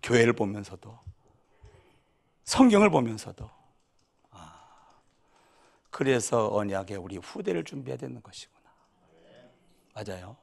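Gravelly, animated male preacher. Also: medium pitch, a little slow, long pauses. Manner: dramatic, asks the congregation rhetorical questions; acts out quoted voices with sudden loud outbursts. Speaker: pastor. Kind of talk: sermon.

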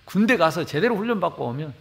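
Middle-aged male pastor, high lively voice, folksy storytelling sermon. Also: fast, gravelly. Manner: colloquial storytelling, animated and emphatic. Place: church sanctuary.

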